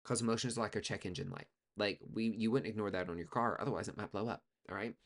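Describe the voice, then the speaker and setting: A man giving a casual tarot reading, talking in a profane, sassy, coaching way, swinging between loud bursts and quiet asides. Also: fairly low pitch, steady tone, quick pace. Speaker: tarot reader.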